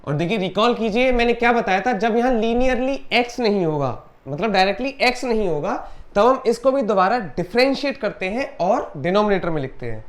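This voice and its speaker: Lively-voiced woman maths teacher. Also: mid-range voice. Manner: explains patiently, mixing English maths terms into Hindi; reads formulas aloud slowly, word by word. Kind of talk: step-by-step board lesson.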